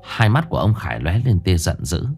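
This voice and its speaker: A man narrates a ghost story in a dramatic, expressive manner. His voice sits low but swings widely in pitch. Faint background music plays under him. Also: brisk.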